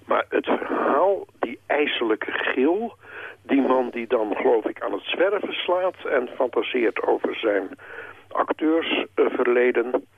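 A male church historian speaking on the phone as a radio guest. His voice is husky and gravelly at an ordinary pitch. He explains steadily, with occasional hesitations, and the sound is dry. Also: expressive, slow, no echo, phone-quality sound. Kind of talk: phone interview.

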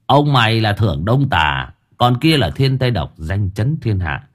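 A man's voice: fairly low pitch, very animated, moderate pace. A man playing a boastful, crude old exorcist who talks with swaggering threats. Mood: cocky bragging.

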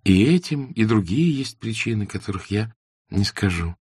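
A reserved, observant young woman speaks softly and earnestly in a storybook reading, as a male narrator lifts his husky voice to play her. The sound is dry and close. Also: lowish voice, expressive, normal speed, dry recording, pitched above the performer's own voice. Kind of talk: audiobook character reading.

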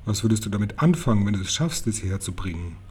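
A man reading aloud, voicing a kindly old grandmother who speaks gently and lovingly. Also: lowish voice, expressive, fast, breathy edge. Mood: gentle.

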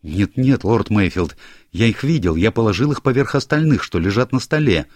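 A man's voice: fairly low pitch, animated, moderate pace, no echo, clean studio sound, voice pushed up. A man voicing a young, anxious male secretary who stammers and is eager to please, in an audiobook. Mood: flustered. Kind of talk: audiobook character voice.

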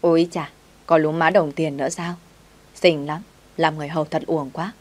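A woman voicing a stylish, doting rich mother in her forties who speaks slowly and sweetly. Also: sits low, little pitch movement, darkish tone.

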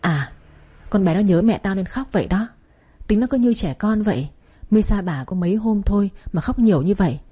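A woman voicing a stern but caring grown man, an uncle who scolds his niece in a lowered voice. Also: lively intonation, a little fast, warm tone. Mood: chiding. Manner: gruff, scolding yet caring.

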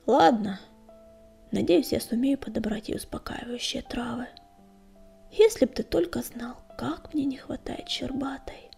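A woman reading a storybook and voicing an anxious, grieving young female healer cat in a hushed, breathy voice. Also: on the high side, a little slow, soft background music.

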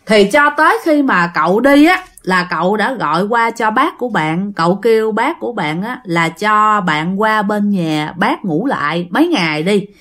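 A woman's voice: mid-range voice, animated, moderate pace, hardly any pauses, a bit bright. Chatty Southern Vietnamese woman storyteller. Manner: chatty, with many filler particles, addresses listeners directly. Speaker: channel host retelling listener stories. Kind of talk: casual spoken storytelling.

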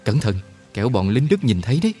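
A man voicing an excitable young male soldier who talks fast and his voice shoots up into high, agitated exclamations. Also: faint music behind, natural voice. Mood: startled.

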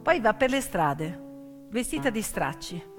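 A woman storyteller on stage narrates dramatically in short, emphatic, suspenseful phrases, using a mid-range, sing-song voice at a slow pace. She's recorded in a reverberant hall with piano music playing behind her.

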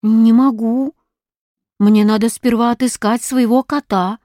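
A woman's voice: fairly high pitch, steady tone, measured pace, mellow, no room sound, studio quality, lightly acted. Woman playing an eager, anxious schoolboy. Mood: urgent. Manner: raised, urgent calling.

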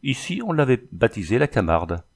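A man reading an adventure novel aloud with a lively, dramatic delivery. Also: mid-range voice, moderate pace, husky. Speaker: audiobook reader. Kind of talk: storybook narration.

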